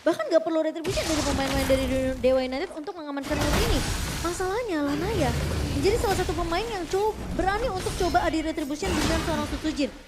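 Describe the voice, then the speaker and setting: Very high-pitched woman esports commentator. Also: fast. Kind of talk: live match analysis commentary. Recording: loud music under commentary.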